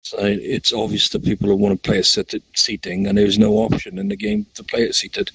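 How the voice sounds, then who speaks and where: A man co-hosting a casual gaming chat, upbeat and quick to laugh. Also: on the low side, sing-song, creaky, fairly bright tone, breathy edge, no echo, highs cut off. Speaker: co-host.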